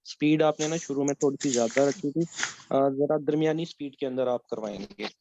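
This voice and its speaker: A man's voice: mid-range voice, fairly quick, a little mellow, a little hiss or hum. A man coaching candidates in a mock interview over a video call, giving corrections. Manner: instructive, gives corrections. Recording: muffled online call audio.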